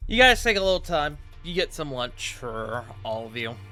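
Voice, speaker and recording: Bright-voiced man running a tabletop game. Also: a little high, big pitch swings, normal speed, soft background music. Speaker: game master. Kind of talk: casual, improvised tabletop game narration.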